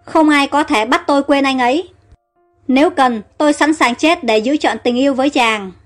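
Storybook heroine in despair, loyal and pleading, read by a woman, high pitch. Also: moderate pace, soft background music, close to an everyday voice. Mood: defiant. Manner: pleading, emotional. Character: young captive woman, desperate and loyal.

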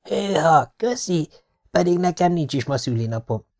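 Man voicing a teenage boy, baseball fan, high-pitched, breathless, eager, audiobook. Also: animated, darkish tone. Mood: delighted.

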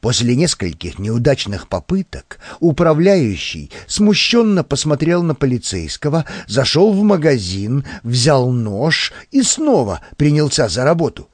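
Expressive male audiobook narrator, dry sound. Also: mid-range voice, unhurried, few pauses, no echo. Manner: expressive storytelling. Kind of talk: scripted narration.

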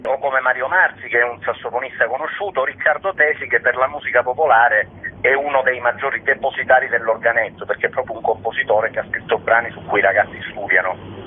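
Over a noisy, narrow phone line, a man with a medium-pitched voice and fairly even intonation talks fast. He's an artistic director appearing as a radio interview guest, giving explanatory answers.

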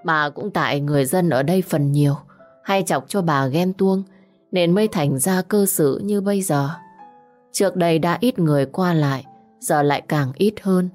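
A woman narrating a village tale in a slow, measured, dramatic storytelling manner. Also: lowish voice, a little mellow. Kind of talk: scripted audio story narration. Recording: faint background music.

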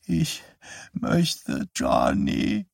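A man's voice: fairly high pitch, huge pitch swings, extremely slow, no echo, pitched above the performer's own voice, full character voice. Man doing a frail dying old mother. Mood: weak, whining. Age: older. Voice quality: dry, rough, rattling voice. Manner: whining, fading to a whisper.

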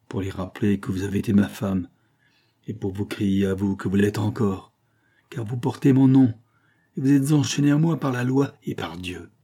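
A man's voice: medium pitch, mellow, husky, pitched above the performer's own voice. A man reading a novel aloud voices a bitter, menacing husband, sarcastic and vehement, his voice raised above his narration. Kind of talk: audiobook character reading.

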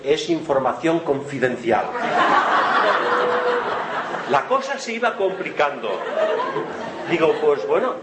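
A man telling a long funny anecdote to a live audience, chatty and often laughing. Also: a little high. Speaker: event organizer. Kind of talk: storytelling to an audience. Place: lecture hall with audience. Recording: roomy hall with noise.

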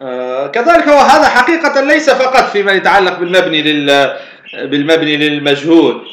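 A Tunisian man gives a religious lesson in a high, sharply bright voice. He explains slowly and repeats himself, posing questions and then answering them. The recording is echoey, as if made in a roomy hall. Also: expressive. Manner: repeats phrases and asks rhetorical questions. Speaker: religious teacher.

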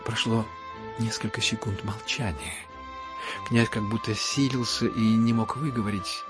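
A man narrating a classic novel as an audiobook in a measured, even way. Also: lowish voice, music in the background.

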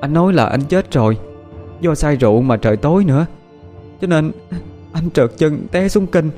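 A man voicing a frightened, grieving young village girl, speaking in a soft, halting way. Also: fairly high pitch, lively intonation, faint music behind, lightly acted. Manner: soft, halting, tearful storytelling.

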